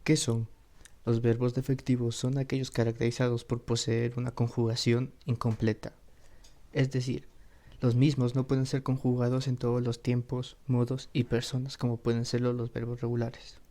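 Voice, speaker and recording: A man reading a group class presentation, explaining defective verbs in a measured way. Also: mid-range voice, dark tone. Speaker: student presenter.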